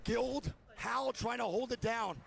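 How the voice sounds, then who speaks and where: A man's voice: very high-pitched, measured pace, creaky, a bit bright, a little hiss or hum. A man streaming a watch party, giving hyped, swearing play-by-play esports commentary over a game broadcast.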